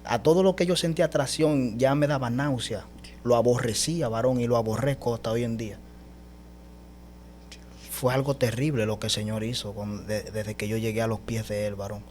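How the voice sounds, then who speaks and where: As an interview guest, a man gives an animated testimony about his spiritual experience, speaking with emphatic conviction and repeatedly addressing the host as "brother." His medium-pitched voice is steady, a little fast, and a little mellow, with a faint hum underneath.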